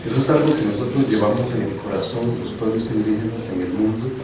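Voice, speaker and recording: Man from Costa Rica, lower voice, formal speech, halting, distant mic in a very echoey hall, noisy. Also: over a noisy crowd. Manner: earnest, deliberate, with pauses and restarts. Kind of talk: formal address at a meeting. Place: large meeting hall.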